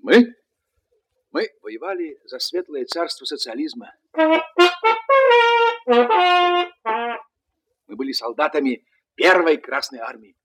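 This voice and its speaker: A man's voice: mid-range voice, lively intonation, normal speed, fairly bright tone, slightly rough. An actor playing a kindly, fatherly former soldier who talks to children in playful mock-military style. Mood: earnest. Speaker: actor in a dramatized story. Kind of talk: dramatic film or radio acting.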